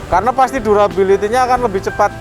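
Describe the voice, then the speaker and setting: Higher-pitched man explaining over music. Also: racing. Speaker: car audio expert giving tips. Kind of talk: casual explanatory chat. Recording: loud music under the talk.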